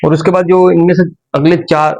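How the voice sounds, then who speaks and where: A man teaching a language lesson, explaining slowly and patiently with pauses and repetitions. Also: on the high side, little pitch movement, creaky, a little mellow, slight background noise, rough recording.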